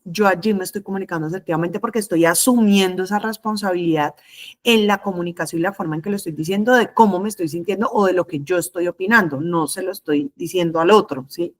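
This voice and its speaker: A middle-aged woman, teaching a lecture to trainee conciliators in a measured, explanatory way, listing points one by one. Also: on the low side.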